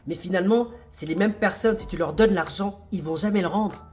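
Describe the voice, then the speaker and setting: A man's voice: high voice, a little fast, darkish tone. A man giving an emphatic motivational monologue to camera, asking the viewer rhetorical questions. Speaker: real estate investor and video host.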